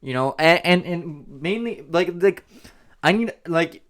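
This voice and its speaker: A man's voice: on the high side, animated, unhurried, a bit bright. A man hosting a business vlog, talking casually to camera and repeating himself as he rambles. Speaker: host of a business channel.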